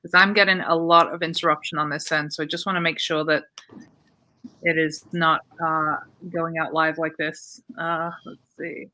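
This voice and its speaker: A woman's voice: deep voice, level tone, moderate pace, sharp tone. A woman hosting a casual live-stream chat, upbeat and chatty as she works around tech hiccups. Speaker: host.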